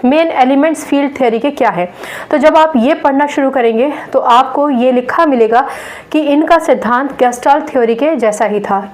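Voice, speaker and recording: This high-voiced woman teacher lectures her class in an explanatory style, frequently asking "theek hai" to check on her students. The recording quality is low.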